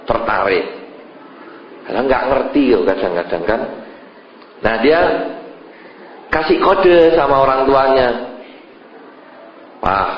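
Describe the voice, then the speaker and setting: A man, a Buddhist monk giving a sermon as a lively storyteller who acts out scenes with sudden jumps in his voice. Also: mid-range voice, a little hiss or hum. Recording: echoey hall, dull lo-fi sound.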